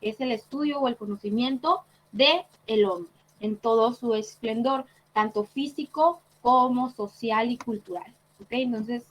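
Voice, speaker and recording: A woman's voice: fairly high pitch, a little hiss or hum, rough recording. A woman teaching an online class, explaining patiently and checking in with short tag questions. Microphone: computer mic on a video call.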